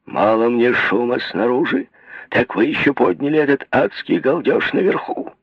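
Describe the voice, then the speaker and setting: A man's voice: medium pitch, animated, moderate pace, husky, dry recording, lo-fi sound. A man reading an audiobook voices an irritable, tyrannical middle-aged father who bellows in anger. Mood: furious. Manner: angry, bellowing.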